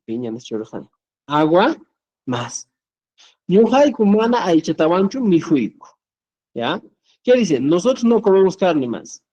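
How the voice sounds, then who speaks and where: A man teaches a live-streamed class in a mellow, slightly high voice. He is patient, checks that his students follow, and spells out examples slowly. The stream sounds muffled and dull. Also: sing-song. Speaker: Quechua writing teacher. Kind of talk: live-streamed online lesson.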